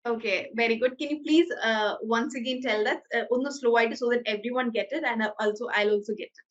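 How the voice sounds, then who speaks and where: Slow-talking Malayali woman teacher. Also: on the high side, lo-fi sound. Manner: switches between English and Malayalam, hesitant fillers. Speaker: English teacher. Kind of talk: online class teaching. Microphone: video call.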